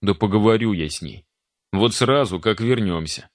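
A man's voice: lowish voice, moderate pace, dry recording, clean studio sound, natural voice. A man voicing a cheeky, whiny young necromancer who jokes and complains with mock indignation.

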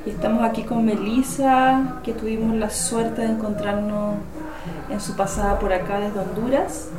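A woman hosting a radio interview, posing her questions in a measured way, one after another. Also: on the high side, level tone. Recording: roomy, distant mic with music.

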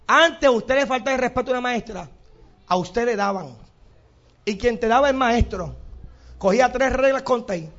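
A man with a Puerto Rican accent preaching a sermon as pastor, animated and acting out little scenes with sudden shouts. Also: very high voice, normal speed, long pauses. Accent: Puerto Rican Spanish. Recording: dull lo-fi sound.

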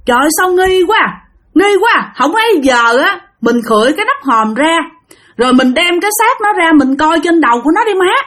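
A woman's voice: very high voice, sing-song, brisk, a bit bright, pitched above the performer's own voice, heavily acted. A woman with a Southern Vietnamese accent voicing a dead man's suspicious relatives, who urge one another to act. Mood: alarmed. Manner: alarmed, urgent.

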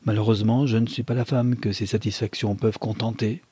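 A man's voice: flat delivery, brisk, warm tone, breathy edge, dry recording. A man voicing an unhappy young wife who pleads earnestly with her husband in a read novel. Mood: pleading. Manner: earnest, rising in pitch when pressed.

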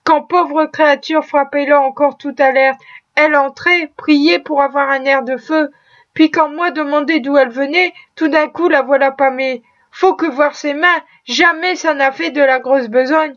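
Brief: woman reading as a slow, compassionate old servant woman, storybook, dull lo-fi sound. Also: sits high, fairly even intonation, fairly bright tone. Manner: slow, compassionate, broken grammar. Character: kindly old household servant woman, broken speech. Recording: muffled lo-fi recording.

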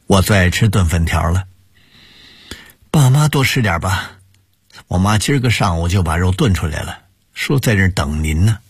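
A man's voice: low voice, animated, normal speed, pauses often, breathy edge, dry recording, studio quality, full character voice. A man voicing a shy, playful teenage daughter, pleading coyly. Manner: coy, pouting pleas.

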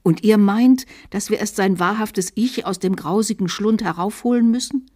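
A woman's voice: medium pitch, normal speed, dark tone, lightly acted. A woman reading aloud voices a frightened, bewildered male bishop who murmurs anxiously with a slight lisp. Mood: fearful.

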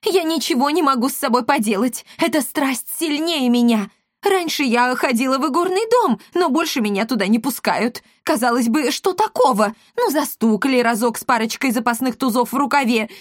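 A woman's voice: high voice, expressive, fairly quick, no echo, studio quality, voice pushed up. A coy, sheepish gambler wife, as a woman voices her. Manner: coy, guilty, chattering.

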